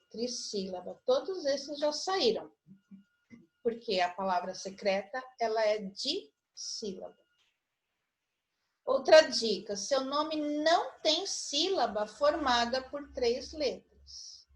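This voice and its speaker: Slow patient Brazilian woman teacher. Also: fairly high pitch, lively intonation. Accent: Brazilian Portuguese. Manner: slow, patient, spelling out syllables and clues step by step. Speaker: primary school teacher. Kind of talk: online lesson for children.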